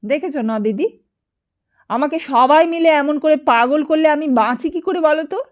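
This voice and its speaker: A fretful, short-tempered older widow scolds her household in a raised, complaining voice, as a woman narrator puts her on. The voice sits high and the audio is a little dull and lo-fi. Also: normal speed, dark tone, close to an everyday voice. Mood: exasperated.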